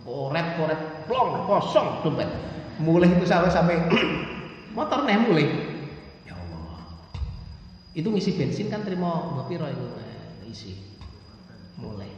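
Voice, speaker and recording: A man's voice: fairly high pitch, measured pace, long pauses, a little hiss or hum. A middle-aged man, an Islamic teacher telling a story in a Quran lecture and acting out the dialogue. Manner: animated, acts out dialogue in changing voices. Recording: echoey hall, distant dull lo-fi sound.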